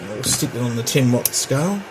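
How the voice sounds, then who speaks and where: A middle-aged Australian man with an average-pitched voice gives an animated, brisk, hands-on demo of radio equipment. This hobbyist vlogger is rambling and chatty, repeating his test counts as he goes. It's a home recording with noticeable background noise.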